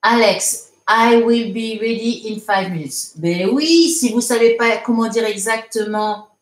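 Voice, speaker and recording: A woman's voice: on the high side, roomy sound. A woman teaching English in a live online lesson, patiently reading out viewer comments and correcting them step by step. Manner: slow, patient, explains step by step, frequent fillers.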